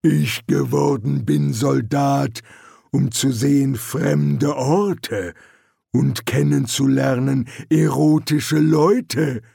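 A man voicing a slow-witted troll soldier who mangles his word order. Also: medium pitch, steady tone, gravelly, warm tone, slightly rough, no room sound, clean studio sound, exaggerated voice. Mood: earnest. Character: troll soldier speaking broken grammar, slow and dim.

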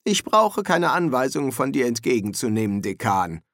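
A man's voice: medium pitch, big pitch swings, normal speed, a bit bright, no room sound, studio quality. Guy doing a snooty senior wizard, curt and dismissive. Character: curt, self-assured male senior wizard.

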